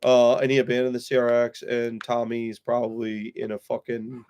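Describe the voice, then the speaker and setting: A man's voice: mid-range voice, monotone, moderate pace, darkish tone. A man hosting a casual live chat with friends, talking bluntly and swearing freely. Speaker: streamer host. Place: room with friends.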